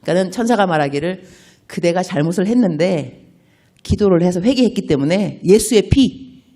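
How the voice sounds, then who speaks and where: Animated woman preaching a revival sermon. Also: fairly low pitch. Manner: animated, acts out quoted dialogue in shifting voices. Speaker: missionary preacher.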